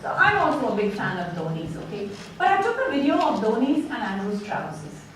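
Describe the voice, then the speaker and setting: A woman's voice: on the high side, sing-song, brisk, a bit bright. A woman with an Indian accent giving an interactive conference talk as a public speaker, emphatic and putting questions to her audience. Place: large indoor conference room with an audience. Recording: roomy, echoing hall, distant mic, audience noise.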